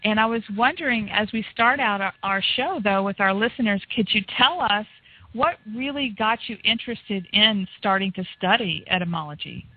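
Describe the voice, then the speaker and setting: A woman's voice: mid-range voice, moderate pace, dry recording. A woman hosting a casual talk show, playful, reading aloud and laughing easily. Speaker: host. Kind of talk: casual internet radio talk. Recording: tinny phone-line audio.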